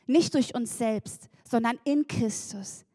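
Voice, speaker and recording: A woman preaching a sermon, lively and chatty, laughing and talking straight to the congregation. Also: fairly high pitch, slow pace, dry recording, studio quality.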